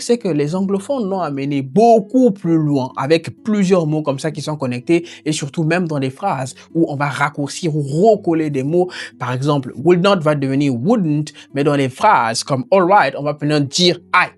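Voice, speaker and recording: A man's voice: on the high side, moderate pace, soft background music. A man hosting an English lesson, explaining in an informal way and speaking to the viewer as "tu". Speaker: English teacher and channel host. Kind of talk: educational video narration.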